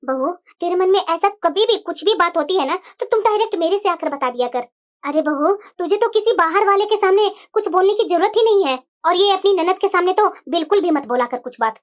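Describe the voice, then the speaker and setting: A voice actor playing a stern older mother-in-law in a cartoon, lecturing slowly and firmly. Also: very high-pitched, expressive, pitched below the performer's own voice. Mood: stern advising. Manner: slow, measured, lecturing. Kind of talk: cartoon voice acting.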